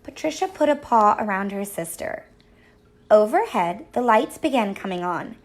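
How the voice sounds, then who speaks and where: A woman reading a picture book aloud to children, with expressive, sing-song storytelling. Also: mid-range voice, moderate pace. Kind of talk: read-aloud storybook narration.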